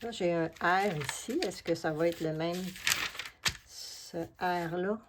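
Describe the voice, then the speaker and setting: A woman's voice: fairly low pitch, slow pace, heavy background noise. A woman with a Québécois French accent, chatting casually with the viewer as she shows a craft step by step. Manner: chatty and familiar, explains each step while working. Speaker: collage artist and craft video host.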